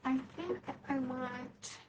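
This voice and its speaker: A woman's voice: high-pitched, slow pace, slight background noise, poor audio. A woman hosting a live sewing demonstration, chatting casually to herself and viewers as she works. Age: adult with a child. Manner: chatty, talks to herself while working. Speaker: quilting shop host.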